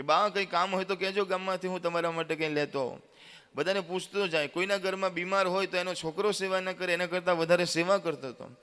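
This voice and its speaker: A man telling a devotional story in a sermon, with animated narration and acted quotes. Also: a little high, big-room sound. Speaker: religious storyteller.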